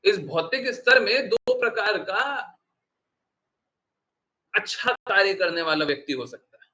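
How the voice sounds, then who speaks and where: High, bright-voiced man giving a spiritual talk. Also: lively intonation, a little slow, low-quality recording. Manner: earnest, rhetorical questions to the audience; mixes English words into his speech. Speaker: spiritual teacher. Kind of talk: devotional discourse.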